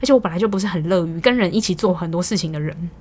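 Racing through her story, a young woman with a Taiwanese Mandarin accent hosts a podcast in a fairly low, slightly mellow voice. Her tone is exasperated and casual as she vents, swearing from time to time.

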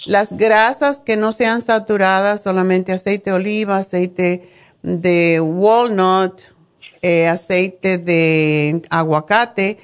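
A woman's voice: medium pitch, steady tone, slow. Direct woman hosting health call-ins. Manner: direct, opinionated, familiar with callers. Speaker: radio health advice host. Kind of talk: conversational call-in health advice.

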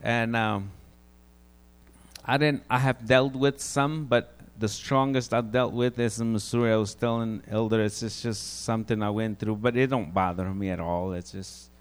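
With a fairly low, clean voice and fairly even intonation, a Guatemalan preacher shares an informal testimony sermon. His Guatemalan Spanish accent comes through as he stumbles and repeats words.

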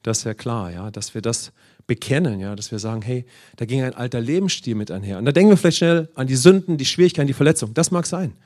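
A male pastor delivering a sermon at a middle pitch. He swings between loud, fervent exclamations and low, murmured asides, and punctuates his points with "Amen" and "ja". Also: animated, fast. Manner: calls out "Amen" and "ja" often.

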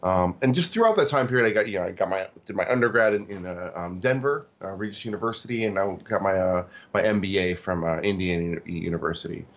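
A low-voiced man from Tacoma, Washington, a cybersecurity executive, is a guest in an interview conversation. He speaks haltingly with many fillers and restarts, and the audio is lo-fi.

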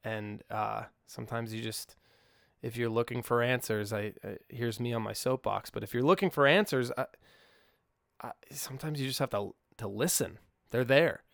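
A man's voice: mid-range voice, normal speed, gravelly, a bit bright, no room sound, studio quality. A man hosting a casual podcast, talking reflectively and rambling with restarts, with a song playing faintly underneath. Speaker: podcast host. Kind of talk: casual solo podcast talk. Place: home studio in Nashville. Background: faint song playing under the talk.

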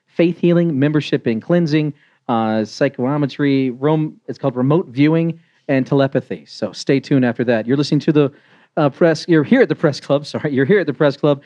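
A man's voice: mid-range voice, warm tone, lo-fi sound. An American man hosting a talk show, casually interviewing and making announcements to listeners. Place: press club before a small live audience.

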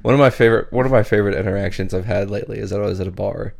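A man's voice: lowish voice, racing, creaky. A man from southeast Kentucky with a faint Southern accent, co-hosting a podcast in crude, joking casual chat and laughing often. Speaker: podcast co-host.

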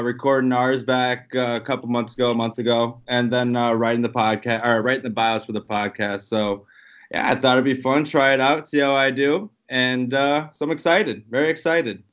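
Eager co-host on dull lo-fi audio. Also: male voice, medium pitch, fairly even intonation, moderate pace, a bit bright. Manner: eager, with many uh fillers. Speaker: podcast co-host. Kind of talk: casual interview talk.

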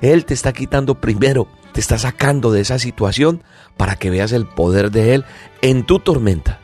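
A man's voice: mid-range voice, lively intonation, moderate pace, darkish tone, faint music behind. A man preaching a daily devotional, reading scripture aloud and then reflecting on it in an earnest, exhorting way.

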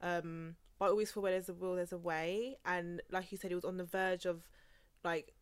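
A woman's voice: on the low side, flat delivery, normal speed, smooth. A woman co-hosting a casual podcast, speaking frankly and thoughtfully with some hesitant restarts. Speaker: podcast co-host. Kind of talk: casual chat.

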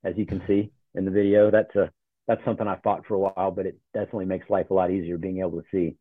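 A man's voice: low voice, fast talker, dry recording. Man in his forties on a tinny line. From born in Ohio, grew up in Charlotte. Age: 40s. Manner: relaxed, rambling with many fillers. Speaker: podcast guest, nonprofit CEO. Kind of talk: casual interview talk. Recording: tinny phone-like call audio.

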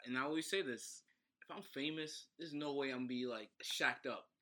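A man's voice: medium pitch, normal speed, pushed and bright. A man co-hosting a casual podcast chat, laid-back, laughing often and saying "bruh" and "yo". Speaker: podcast co-host.

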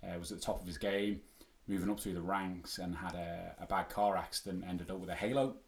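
A man with a deep voice and an Isle of Man accent hosts a sports podcast. He talks in an informal, conversational way, like someone presenting to guests in a studio. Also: steady tone, fairly quick, gravelly, echoey room. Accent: Manx (Isle of Man). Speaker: podcast host.

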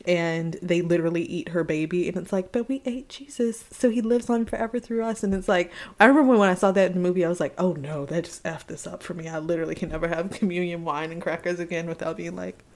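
A woman's voice: lowish voice, steady tone, fast talker, few pauses. A woman co-hosting a podcast in casual chat, joking and laughing easily. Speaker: podcast co-host.

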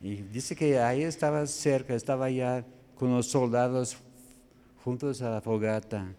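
A male preacher giving a sermon on a scripture passage, halting and spelling out Greek words letter by letter. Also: medium pitch, fairly even intonation, warm tone.

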